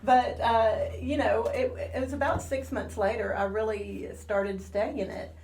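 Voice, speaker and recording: A woman's voice: a little high, steady tone, a little slow, darkish tone, roomy sound, slight background noise. A woman with a slight lisp, rambling casually as a radio guest with many fillers. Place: radio studio.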